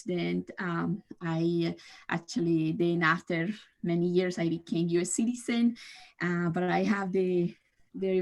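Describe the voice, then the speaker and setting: A woman's voice: medium pitch, darkish tone. A woman professor introducing herself on a video call, apologetic and self-correcting. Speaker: professor, panelist. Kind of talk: personal introduction.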